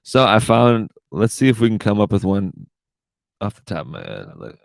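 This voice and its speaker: A man's voice: lowish voice, huge pitch swings, moderate pace, vocal fry, no echo. A man in his thirties hosting a casual solo podcast, rambling and swearing with "dude" in every line. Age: 30s. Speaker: podcast host.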